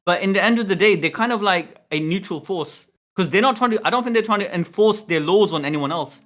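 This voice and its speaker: A man hosting a livestream, chatting casually and reading along, excitable, repeating himself and stumbling over words. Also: high voice, a little fast. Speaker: livestream host. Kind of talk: casual chat and manga read-along.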